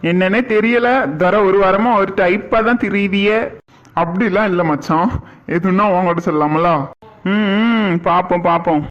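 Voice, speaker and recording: A man voicing a kind young husband in a cartoon family drama, calm and reassuring. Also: high voice, moderate pace, dull audio, close to an everyday voice. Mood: friendly.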